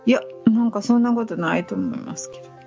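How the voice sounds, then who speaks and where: A woman's voice: a little high, fast, creaky, mellow, highs cut off, soft background music. A woman from northern Osaka with a light Hokusetsu Kansai accent, co-hosting a casual podcast chat and politely agreeing often. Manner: polite, agreeable, frequent backchannels. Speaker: podcast co-host.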